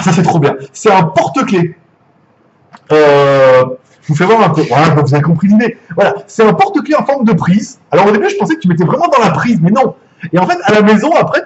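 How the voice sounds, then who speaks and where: A man's voice: high voice, muffled recording, slight background noise. A man with a French accent, chatty and jokey, unboxing gadgets live and swearing casually. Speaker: gadget reviewer.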